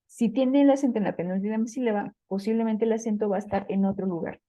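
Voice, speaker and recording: A woman gives a patient classroom lecture on poetry, often pausing to check that her students follow. Her voice is very dark and mellow and sits at an ordinary pitch. The sound is dry and close, with no room echo. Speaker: Spanish literature teacher.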